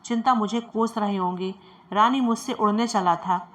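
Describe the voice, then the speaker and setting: A woman's voice: mid-range voice, moderate pace, fairly bright tone, natural voice. A woman voicing a boastful, scheming middle-aged male priest in a read-aloud story. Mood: gloating.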